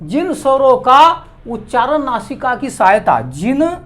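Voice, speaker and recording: A man teaching a grammar lesson, slowly spelling out and repeating each vowel sound. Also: extremely high pitch, big pitch swings, fairly bright tone.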